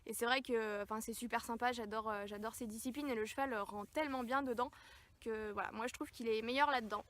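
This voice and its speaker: A woman vlogger chatting casually as she answers viewer questions, pausing often with fillers. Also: a little high, fairly even intonation, a bit bright. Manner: hesitant, many filler pauses. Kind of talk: casual chat. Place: near horses at a stable.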